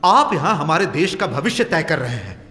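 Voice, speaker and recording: Revolutionary leader: high, lively, bright voice, impassioned and declaiming. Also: male voice, moderate pace, breathy edge, heavily acted. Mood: defiant. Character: fiery male revolutionary leader addressing bankers. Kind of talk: film dub.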